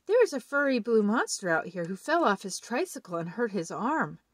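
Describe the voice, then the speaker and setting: A cheerful, friendly woman nurse from a storybook, voiced by a woman reader. Her lines bounce with lively pitch, and the sound is close and dry. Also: normal speed, dry recording.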